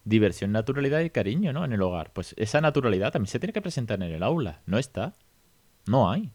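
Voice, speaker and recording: A man in his thirties hosting a podcast, talking casually with frequent "¿no?" tags and animated rhetorical asides. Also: fairly low pitch, quick pace, no echo. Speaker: podcast host.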